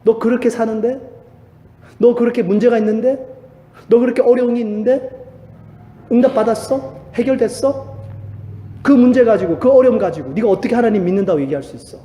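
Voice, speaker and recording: A male pastor voicing the devil as a sly, accusing tempter who fires off rapid needling questions, raised high above his normal speaking voice. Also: dark tone. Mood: taunting. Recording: echoey church hall reverb.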